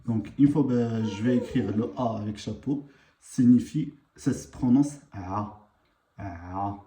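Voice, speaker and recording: A man teaching a live online language lesson, unhurried and hesitant, with many pauses and fillers. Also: mid-range voice, mellow, echoey room, a little hiss or hum.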